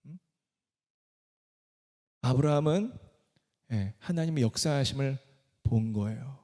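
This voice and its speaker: A man's voice: mid-range voice, expressive, a little slow, dark tone. A man preaching a sermon at a church worship service. He speaks emphatically and keeps asking the congregation questions. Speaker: pastor. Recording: long reverb of a large hall.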